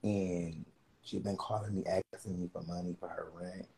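A man in casual comedic banter, gossiping in a low murmur and drawing out his words. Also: fairly even intonation, moderate pace, creaky, warm tone, slight background noise, rough recording.

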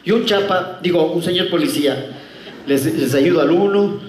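A man telling jokes as a comedian, in a lively storytelling manner. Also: a little high, normal speed, slight background noise. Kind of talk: joke telling. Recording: echoey room.

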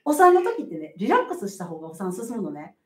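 Lively middle-aged Kansai midwife. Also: female voice, medium pitch, quick pace, echoey room, distant mic. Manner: animated, laughing, emphatic storytelling. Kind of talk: casual live-stream advice talk.

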